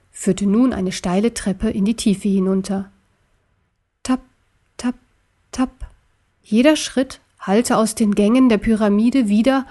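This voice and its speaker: A woman narrating a children's story in a steady, measured reading voice. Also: on the high side.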